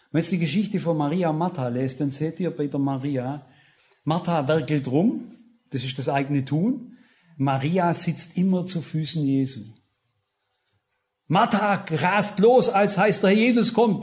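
A man's voice: fairly high pitch, darkish tone. A male preacher giving a sermon, emphatic and repetitive, speaking straight to his congregation.

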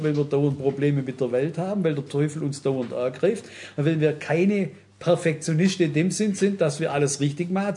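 A man's voice: on the high side, darkish tone. A man preaching a sermon, earnestly addressing his listeners and often turning to them directly.

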